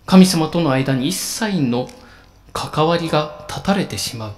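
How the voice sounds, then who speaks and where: A man preaching a sermon as a pastor, in a slow, solemn and measured delivery with emphatic pauses. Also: fairly high pitch, lively intonation.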